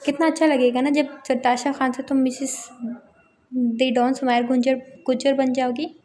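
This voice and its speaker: A woman's voice: sits high, little pitch movement, moderate pace, warm tone, lightly acted. A woman reading the part of a brash young man at a university, teasing and domineering in a romance novel. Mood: teasing, insistent.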